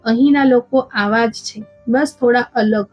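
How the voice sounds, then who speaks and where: Woman reading as a gentle kind young man. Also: on the high side, fairly even intonation, a little slow, no room sound. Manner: soft, friendly. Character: kind gentle young brother-in-law, male. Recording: dull lo-fi with faint music.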